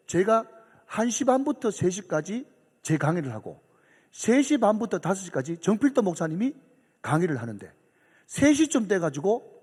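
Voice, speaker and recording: Middle-aged man, preaching, husky voice, long church reverb. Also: sits high. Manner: animated storyteller acting out quoted voices. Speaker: pastor. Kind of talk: sermon storytelling. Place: church sanctuary.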